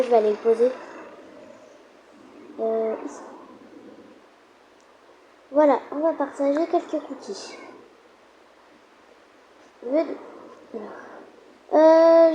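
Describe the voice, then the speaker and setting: A woman's voice: high voice, warm tone, slight background noise, rough recording. A woman voicing a friendly female homeowner who buys cookies, talking hesitantly with many fillers.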